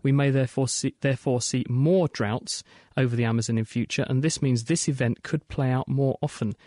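A British man presents a science programme in a bright, curious manner. His mid-pitched voice sits in a dry studio sound as he explains things clearly to listeners. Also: steady tone, brisk, no room sound. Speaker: science show host. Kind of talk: scripted science radio presenting.

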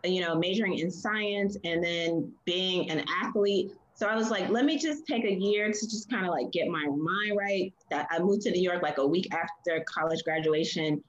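A woman's voice: on the low side, normal speed, few pauses. A young adult woman from Philadelphia talking casually as an interview guest, chatty and full of "like" and "um". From Philadelphia, USA. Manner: chatty, lots of "like" and "um". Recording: echoey room, dull lo-fi sound.

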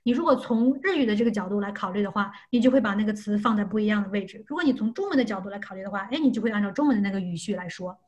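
A woman's voice: medium pitch, lively intonation, racing, hardly any pauses, darkish tone, highs cut off. A woman teaching an unscripted online language lesson, explaining step by step and often repeating and rephrasing herself.

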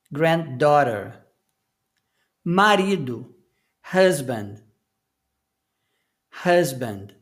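Man, vocabulary lesson, very slow, slightly high voice. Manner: reads each word then repeats it slowly. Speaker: English teacher.

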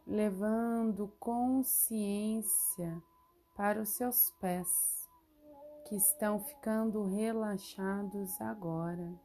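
Very slow, mellow woman guiding meditation. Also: mid-range voice, fairly even intonation. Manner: slow, soothing, instructional, with long pauses. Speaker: meditation guide. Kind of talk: guided relaxation meditation.

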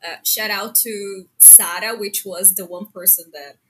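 A woman co-hosting a podcast, chatting casually, excitable and laughing often. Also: mid-range voice, a little slow, slight background noise. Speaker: podcast co-host. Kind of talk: casual chat.

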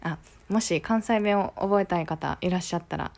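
A woman's voice: lowish voice, moderate pace, creaky, a little mellow. A woman with a Kansai accent chatting casually on her own, playful and musing aloud, switching between English and Japanese. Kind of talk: casual solo talk, mixing English and Japanese.

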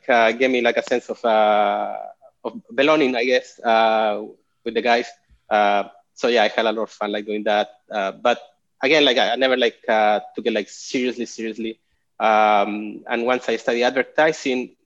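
Chilean-born man, halting over a call. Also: mid-range voice. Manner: halting, many fillers and restarts. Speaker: guest artist. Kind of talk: casual interview. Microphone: video call. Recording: dull lo-fi call audio.

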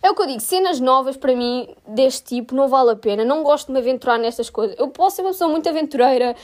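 A young woman with a European Portuguese accent, telling a personal story to her viewers in a casual, animated way, acting out what people said and laughing often. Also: sits high, rapid-fire. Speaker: vlogger.

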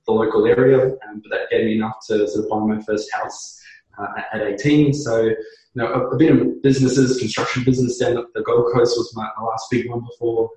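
Here a lowish, darkish voice belongs to a thirty-something co-founder from New Zealand being interviewed on a podcast. He talks sincerely but keeps restarting and filling pauses. Heavy reverb and poor audio quality mar the recording.

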